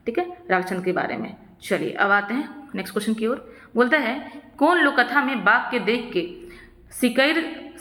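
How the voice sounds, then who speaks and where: Woman teacher going through exam questions, bright higher voice, repeats every answer, roomy echo. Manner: asks a question then answers it, repeats answers, frequent "ठीक है". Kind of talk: solving practice questions. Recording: echoey room with long reverb.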